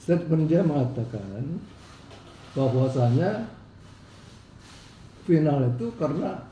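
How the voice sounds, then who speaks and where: Very mellow man with slurred r's. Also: a little high, animated, slow pace, far from the mic. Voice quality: speech impediment, slurred r sounds. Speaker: interview guest. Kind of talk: explaining a legal case in an interview. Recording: roomy echo, faint background noise.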